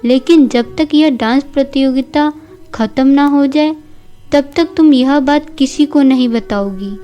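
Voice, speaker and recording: A woman's voice: sits high, a little slow, dark tone, soft background music. A woman voicing a kind, regal fairy queen who reassures a young woman. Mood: reassuring. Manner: soothing and reassuring.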